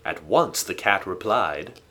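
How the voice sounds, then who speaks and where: Guy narrating a fairy tale, kinda husky voice, lively up and down. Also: low voice, takes it slowly. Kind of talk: storybook narration.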